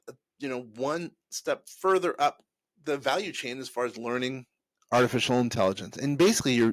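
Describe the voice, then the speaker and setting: A man's voice: medium pitch, no room sound. A man hosting a casual talk show, giving advice to entrepreneurs in a loose, rambling way with restarts and fillers. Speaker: host.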